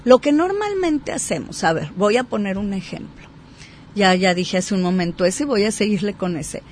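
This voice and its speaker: A woman psychotherapist explaining a point in a talk show, lively and acting out example exchanges. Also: mid-range voice, moderate pace, slight background noise. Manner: animated, acts out example dialogues.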